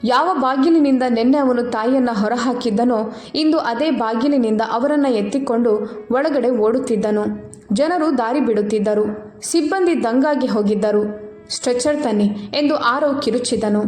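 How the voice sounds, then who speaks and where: A woman's voice: a little high, moderate pace. Emotive woman storyteller, echoey room. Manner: steady, emotive reading. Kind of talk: scripted story narration. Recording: echoey room with faint music.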